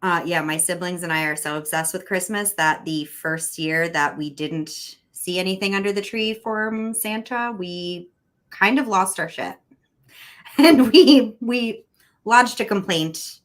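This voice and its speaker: This chatty woman in her thirties hosts a casual livestream from a home room lit with neon. Her voice sits lowish and moves a little slowly, and she laughs often, staying expressive throughout.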